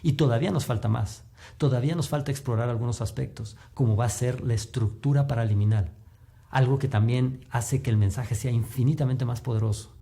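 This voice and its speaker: Man, lecturing on communication, warm mellow tone, demonstrates pitch shifts. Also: a little fast, creaky. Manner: explanatory, demonstrates pitch shifts while teaching. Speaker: communication instructor. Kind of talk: recorded lecture.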